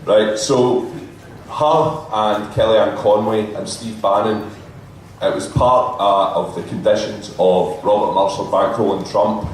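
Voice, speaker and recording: A man's voice: on the low side, fairly even intonation, slow. A man talking informally as a panelist at a live show, explaining things with casual swearing. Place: live stage in a club venue. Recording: very echoey venue, distant mic, faint noise.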